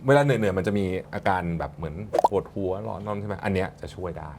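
A man's voice: deep voice, expressive, fast, very noisy. A man giving casual, reassuring instructions as a coach, often repeating his phrases. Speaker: ice bath coach. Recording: background music under the voice. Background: music.

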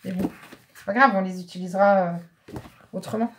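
A French woman chats her way through a craft haul in a relaxed show-and-tell voice, thinking aloud with small fillers and asides. Her pitch sits in a middle range. A faint hiss and some clicking sit under the recording. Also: normal speed. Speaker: craft vlogger showing a haul.

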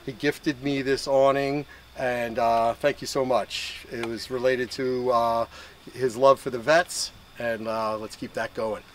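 At an outdoor campground, a middle-aged trailer owner eagerly shows off his trailer to a handheld camera in a casual show-and-tell interview, explaining the gear hands-on and restarting often. His mid-range voice stays level and a little slow, with slight background noise.

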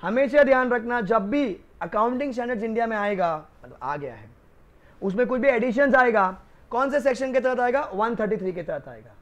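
A man's voice: very high voice, expressive, fairly quick, a bit bright, dull audio. A man with a Rajasthani Hindi accent giving a casual, joking law lecture and calling his students kids. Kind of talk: casual classroom lecture with stories. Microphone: new microphone.

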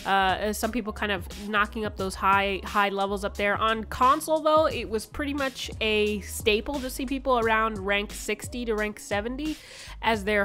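A young woman hosts a gaming video while sick, her voice worn down by illness. She talks in a chatty, rambling way, restarting sentences as she goes. Faint music plays quietly in the background. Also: mid-range voice. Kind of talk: casual gaming commentary.

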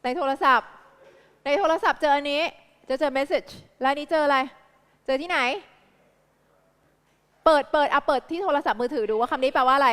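A Thai woman tutoring a live class in English vocabulary, with a Thai accent, firing quick repeated questions at her students. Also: high-pitched, fairly bright tone, big-room sound. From Thailand.

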